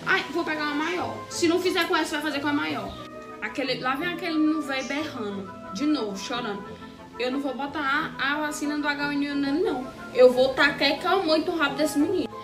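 A woman's voice: high voice, lightly acted. A woman acting out comedy sketches, blunt and sarcastic, flipping from sweet baby talk to threats. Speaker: comedy sketch performer playing a nurse and a lifeguard. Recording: echoey room with loud music.

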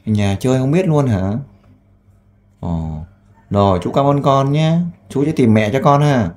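A man who works as a volunteer interviewer. He asks gentle, coaxing questions and makes an earnest appeal with frequent fillers. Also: mid-range voice, animated, unhurried. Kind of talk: on-the-spot interview and appeal to camera.

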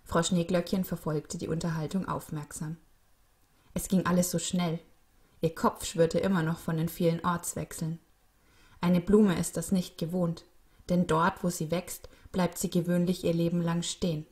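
A woman narrating a children's story in a calm, clear, expressive reading voice. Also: lowish voice, moderate pace.

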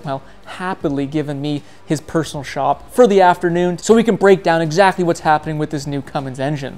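A man in his thirties, a diesel mechanic, talking energetically in a vlog from a truck repair shop. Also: fairly high pitch. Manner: energetic, emphatic, talks with his hands. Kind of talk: explanatory vlog talk.

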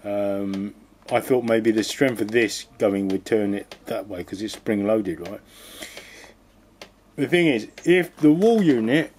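A man's voice: on the low side, slow pace, a little mellow, a little hiss or hum. A man giving a rambling, casual walkthrough of a boiler repair, often restarting his sentences and adding jokey asides. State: cold. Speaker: DIY video host.

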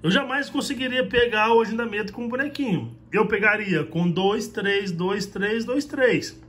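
In a small room at home, a Brazilian man who vlogs as a delivery rider speaks animatedly to a phone held at arm's length, with a high voice at normal speed. The audio is reverberant with slight background noise, and he gestures a lot, using slang and repeating "mano".

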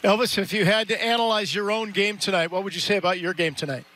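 A man's voice: high-pitched, steady tone, quick pace, bright, forceful tone, a little hiss or hum. A middle-aged man on a headset, interviewing a player live after a game with upbeat, direct questions. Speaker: broadcast interviewer.

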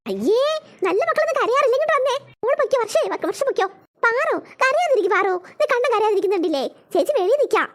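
Fast, bouncy cartoon teacher, voiced by a woman; Malayali lilt, coaxing sing-song, pitched very high. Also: sing-song, a little hiss or hum. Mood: soothing. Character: cheerful female preschool teacher coaxing children. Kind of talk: cartoon voice acting.

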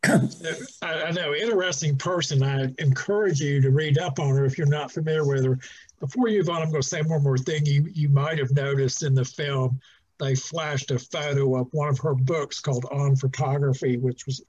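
A middle-aged man from New Jersey, a museum docent giving a relaxed, chatty guided talk over a video call, with fillers and restarts. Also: a little high, moderate pace, breathy edge. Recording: dull lo-fi video call audio.

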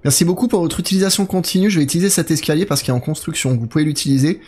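A man's voice: a little high, very fast, a little mellow. Casual French man streaming a horror game. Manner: casual, joking, thanks chat viewers. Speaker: let's play streamer. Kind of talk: live horror game commentary.

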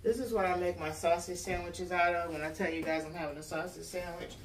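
Here a woman from the US vlogs her grocery haul, keeping things folksy and casual with her viewers while unpacking. Her low, steady voice moves fairly quickly; the room echoes, the mic sits at a distance, and background noise is clear.

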